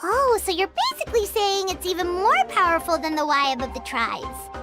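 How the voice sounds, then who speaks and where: An actress voicing a tiny, eager fairy companion in a video game, with a squeaky, childlike voice. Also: female voice, expressive, moderate pace. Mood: curious. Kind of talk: scripted video game dialogue. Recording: game music behind the voice.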